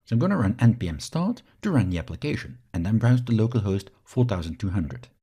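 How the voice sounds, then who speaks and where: A Belgian man who speaks Dutch natively walks through each step as instructor of a software screencast tutorial. His husky voice sits fairly low, swings widely in pitch, and moves at a quick pace.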